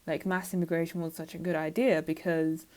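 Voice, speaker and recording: A woman's voice: deep voice, flat delivery, brisk, darkish tone. Woman vlogger, casual rambling monologue, self-mocking, plenty of fillers.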